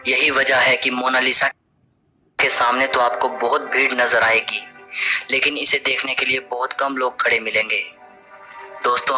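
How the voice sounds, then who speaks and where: A man reading a scripted voice-over for a facts video, counting down items in a steady, explanatory way. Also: medium pitch, rough recording. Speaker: video narrator.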